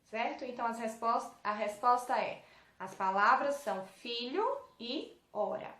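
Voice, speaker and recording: Brazilian Portuguese woman teacher taking young pupils through exercises, patient and questioning, a little high, recorded in a roomy space. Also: lively intonation, unhurried, pushed and bright. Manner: patient, asks pupils questions and answers them. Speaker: primary school teacher. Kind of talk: correcting homework for young pupils. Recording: echoey room.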